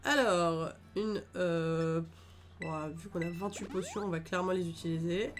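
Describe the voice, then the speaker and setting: A woman's voice: fairly low pitch, measured pace. A woman hosting a let's-play video, chatting and thinking aloud in a casual, upbeat way with lots of fillers. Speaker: gaming video host. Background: game music.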